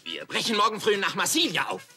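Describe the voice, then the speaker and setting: High, pompous Roman centurion. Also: male voice, very animated, fast, over music. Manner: pompous, oratorical. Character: pompous, rousing Roman centurion addressing troops. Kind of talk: dubbed animated film acting.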